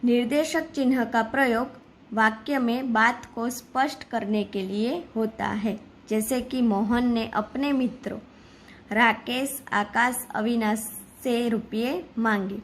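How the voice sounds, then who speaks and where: A woman's voice: fairly high pitch, steady tone, takes it slowly, slight background noise, low-quality recording. A woman teacher, patiently explaining a grammar lesson and reading example sentences aloud. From Gujarat.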